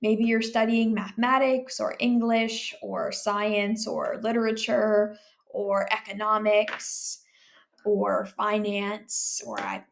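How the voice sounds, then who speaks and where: Chatty woman tutor with gravelly edge. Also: medium pitch. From Ontario, Canada. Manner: relaxed, chatty, many fillers and tag questions. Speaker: IELTS tutor. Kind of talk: explaining exam questions.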